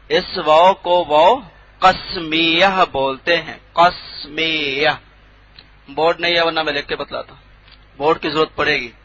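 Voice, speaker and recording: A high, bright-toned man teaches a Quran translation class in a room with no board. He stops often to quiz the students and says each word again slowly. The recording is dull and lo-fi. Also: a little hiss or hum. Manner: drills students with questions and repeats words slowly.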